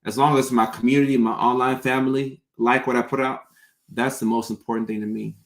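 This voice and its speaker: Speaking briskly in a mid-range voice with little pitch movement, this man hosts a live Q&A as a content creator, replying to comments off the cuff. He repeats phrases to stress them, struggles with his R sounds, and sounds roomy and echoing.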